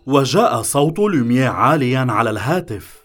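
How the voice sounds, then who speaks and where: A man's voice: mid-range voice, lively intonation, fairly quick, fairly bright tone. Man narrating a thriller audiobook.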